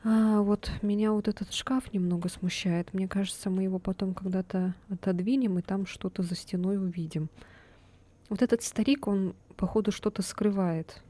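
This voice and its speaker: A woman doing casual let's-play commentary as a game streamer, chatty and quick to exclaim and giggle in reaction. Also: mid-range voice, steady tone, mellow.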